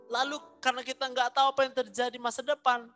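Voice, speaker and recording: A man preaching a sermon, animated, repeating phrases for emphasis. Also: very high-pitched, fast talker, faint music behind.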